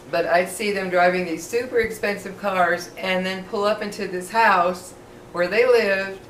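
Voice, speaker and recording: A middle-aged woman chats casually to her viewers in a rambling, self-deprecating way. Missing teeth make her speech slightly slurred, with soft F sounds. She sounds set back from the mic in an echoey room, with faint noise behind her. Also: lowish voice, far from the mic. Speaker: vlogger. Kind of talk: casual rambling personal storytelling to camera.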